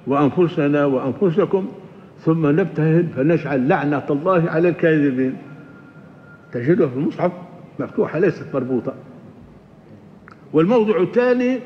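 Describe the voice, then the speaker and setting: An older man lectures on scripture in a measured, explaining voice that sits high for a man. He restarts words often and slips into recited passages. The sound is dull and rings with a long hall echo. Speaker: Quran tafsir teacher. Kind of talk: scholarly lecture on Quranic exegesis.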